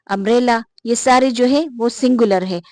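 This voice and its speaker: A woman with a fairly high voice teaches a grammar lesson and keeps putting questions to her students and answering them herself. She reads each example sentence slowly and with care. The recording is dry and close, with no room sound. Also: darkish tone, dry recording. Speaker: English teacher.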